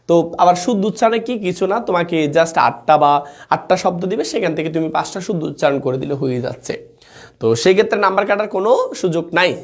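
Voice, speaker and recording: Reading student comments out loud and checking in often, a young man teaches an informal, chatty live online exam-prep session. His voice sits on the high side.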